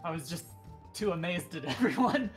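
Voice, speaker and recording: A mid-pitched voice from a raid group, chatting in a relaxed way over voice chat. Most of what they say is short replies and quick questions. Faint game music runs underneath. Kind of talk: casual voice chat while gaming.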